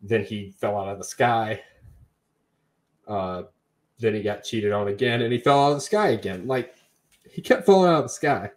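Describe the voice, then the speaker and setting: A man's voice: lowish voice, normal speed, long pauses. A young man co-hosting a casual film review podcast, rambling and chatty. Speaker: podcast co-host.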